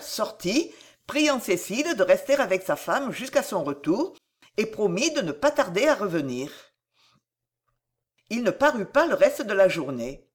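A woman narrating a classic novel in a measured, expressive literary reading. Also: mid-range voice. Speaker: audiobook narrator.

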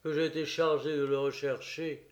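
A man's voice: a little high, flat delivery, normal speed, reverberant, dull audio, close to an everyday voice. A man voicing a naive, timid male private detective who stammers when flustered, in an audiobook. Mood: protesting. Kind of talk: audiobook character reading.

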